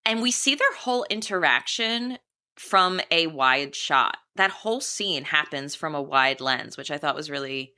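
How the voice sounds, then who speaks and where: A woman co-hosts a casual podcast, recapping a film with lots of energy. Her voice sits a little low but rings bright and forceful. She keeps slipping into quick voices for the characters as she retells scenes. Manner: animated, acts out characters' lines in quick voices. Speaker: podcast co-host.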